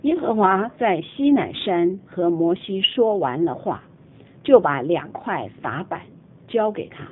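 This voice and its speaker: A woman reading a Bible chapter aloud in a measured, solemn way. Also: animated, breathy edge. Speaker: scripture reader. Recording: tinny phone-like audio with faint rumble.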